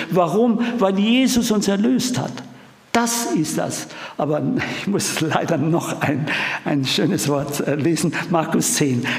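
Male preacher, slow deliberate sermon delivery, emphatic and questioning, roomy church-hall sound. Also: fairly high pitch. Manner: emphatic, addresses the congregation directly with questions. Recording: roomy hall with long reverb.

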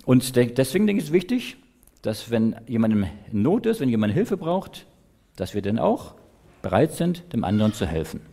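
A man telling a story to children during a church service, in a lively, animated way. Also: mid-range voice, moderate pace, creaky.

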